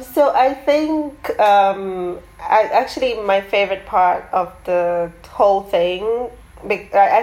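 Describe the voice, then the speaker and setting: A woman's voice: on the low side, a little mellow. A woman artist being interviewed about her project, talking thoughtfully with many fillers and restarts. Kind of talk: casual interview talk. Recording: roomy echoey sound.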